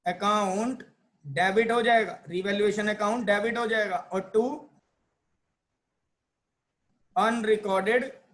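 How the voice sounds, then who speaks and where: A man gives a lively accounting lesson in a high voice. He acts out little reactions of joy and dismay. He quizzes his students and answers for them. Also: slow, pauses often. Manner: asks students questions and answers them himself. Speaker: accounting teacher. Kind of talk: classroom lecture.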